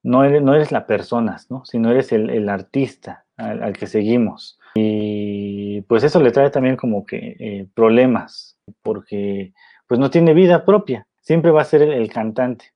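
In a dull lo-fi recording, a man with a mid-range voice talks about films in an unhurried, rambling way. He's a film commentator who leans heavily on fillers and tag questions.

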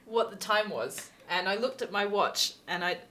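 A woman's voice: mid-range voice, expressive, normal speed, bright, forceful tone. A woman co-hosting a casual chat, telling stories and laughing often. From Scotland. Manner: chatty storyteller, laughs often. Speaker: co-host.

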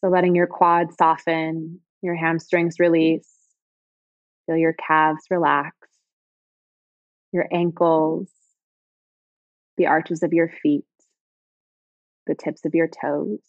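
A woman leading a guided body-scan meditation in slow, soft, soothing phrases. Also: deep voice, flat delivery, no echo, muffled recording.

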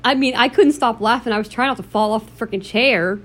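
A woman with a fairly high voice co-hosts a casual podcast about video games. She tells her stories in a chatty, emphatic way and leans hard on her punchlines. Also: fairly quick. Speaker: podcast co-host. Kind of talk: casual gaming chat.

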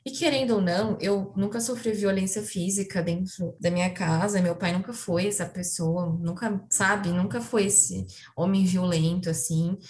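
A woman's voice: mid-range voice, steady tone, moderate pace, hardly any pauses, darkish tone. A woman in her twenties with a Brazilian Portuguese accent, an interview guest telling a personal story in a candid, chatty way, full of fillers and asides to the listeners.

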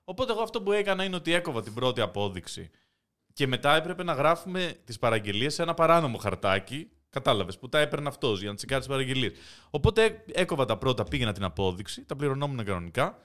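A young male podcast co-host with a Greek accent chats casually, telling stories in an animated way and laughing often. His voice is mid-range.

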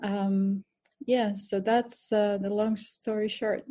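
A middle-aged woman with a Bulgarian accent, a cooking teacher and restaurant owner, tells her story as a guest on a podcast interview. Her mid-range voice is warm but flat and slow, and she speaks earnestly, using fillers and restarting sentences.

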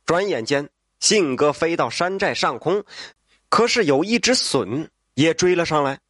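A man telling a folk tale as a storyteller, with lively asides to the listener and voiced dialogue. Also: on the high side, unhurried, dry recording, clean studio sound.

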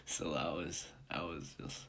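A man's voice: a bass voice, steady tone, a little slow, fairly bright tone. A young man in crude, casual comedic banter who laughs often.

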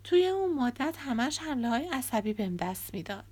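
A woman's voice: high voice, sing-song, dark tone, husky, pitched above the performer's own voice, heavily acted. A woman reading an audiobook, voicing a tense, defensive young woman who used to write songs for a band. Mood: pleading.

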